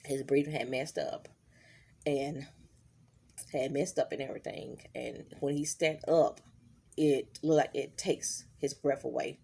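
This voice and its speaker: A middle-aged woman, talking in a halting, worried diary vlog and holding back tears. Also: extremely low pitch, fairly even intonation, gravelly, dark tone, slightly rough. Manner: halting, many fillers and restarts. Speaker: vlogger.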